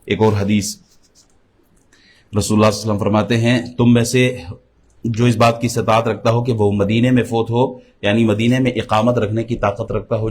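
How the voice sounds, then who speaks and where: A middle-aged man preaching a sermon, impassioned, slowing and rising on key lines. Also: on the low side, darkish tone. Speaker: religious preacher.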